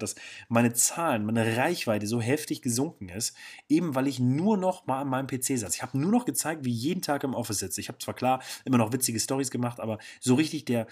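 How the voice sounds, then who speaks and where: Blunt, slangy young man with a husky voice. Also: medium pitch, a little mellow. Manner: blunt, slangy and self-correcting. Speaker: podcast host. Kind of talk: casual solo podcast monologue.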